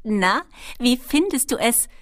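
A woman's voice: on the high side, lively intonation, measured pace, no echo, studio quality, pitched above the performer's own voice. Woman putting on a snappish bossy kobold girl. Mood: teasing. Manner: snappish, hissing. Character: cranky greedy kobold girl, bossy and stubborn.

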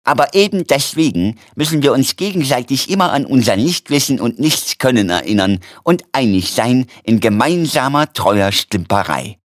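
A man's voice: mid-range voice, animated, normal speed, few pauses, voice pushed up, natural voice. A man voicing a courteous elderly male doctor who talks in a polite, effusive, formal way. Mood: courtly.

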